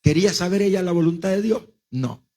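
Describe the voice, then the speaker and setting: A Nicaraguan man preaches in a high, husky voice. He tells his stories vividly and acts out each voice in the dialogue, rising and dropping as he goes. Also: lively intonation, brisk, warm tone. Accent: Nicaraguan Spanish. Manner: storytelling, acts out dialogue with shifting pitch and volume. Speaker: pastor. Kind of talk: sermon.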